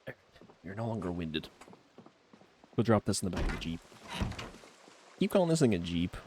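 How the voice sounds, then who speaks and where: A man's voice: low-pitched, big pitch swings, normal speed, warm tone, a little hiss or hum. A man streaming a video game, chatting to himself in a laid-back, rambling way. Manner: laid-back, rambling self-talk with frequent trailing fillers. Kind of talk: casual gameplay commentary.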